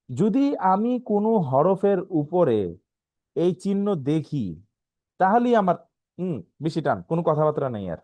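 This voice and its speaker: A man with a Bangladeshi Bengali accent, teaching an online Quran reading class, spelling out letters slowly and often checking in with "right?". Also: a little high, warm tone, no room sound. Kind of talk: online lesson.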